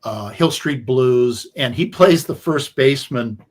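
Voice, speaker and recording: A man's voice: medium pitch, a little slow. A man co-hosting a sports talk radio show, telling long rambling anecdotes that trail off at the ends. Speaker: co-host.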